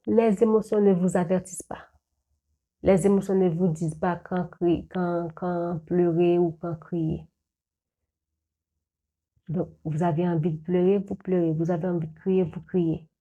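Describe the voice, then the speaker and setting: In a lowish, warm voice, a young adult woman addresses her viewers directly, giving earnest life advice in a lecturing way. This video creator often restarts her sentences and repeats words.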